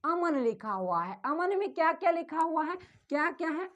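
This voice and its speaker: A woman's voice: very high-pitched, sing-song, normal speed, a bit bright. A woman teacher explains spelling step by step, calls the viewer "sir" and repeats each sound over and over. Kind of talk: slow classroom explanation, repeating drills.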